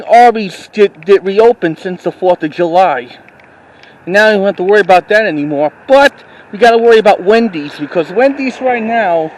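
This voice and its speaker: High-voiced man rambling on a street walk. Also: low-quality recording. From New York City. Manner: rambling, halting, with frequent restarts. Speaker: vlogger. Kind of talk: casual walking-tour narration. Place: outdoors on a town street. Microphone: handheld camera while walking.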